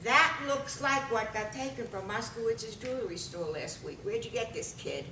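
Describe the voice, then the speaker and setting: A woman's voice: on the high side, normal speed, sharp tone, slight background noise. A woman doing a matter-of-fact cop. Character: gruff Brooklyn beat cop, matter-of-fact. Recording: roomy and far from the mic.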